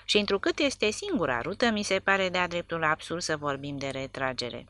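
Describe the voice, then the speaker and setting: A woman's voice: on the low side, lively intonation, sharp tone, no room sound. A woman reading the part of a proud, disdainful army colonel in an audiobook. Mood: scornful. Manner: haughty, disdainful.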